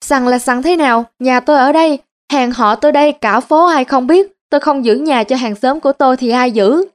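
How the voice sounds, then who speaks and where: A woman voicing a loud, crude middle-aged street-food seller, who scolds and bosses people around. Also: high voice, a little fast, close to an everyday voice. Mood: scolding.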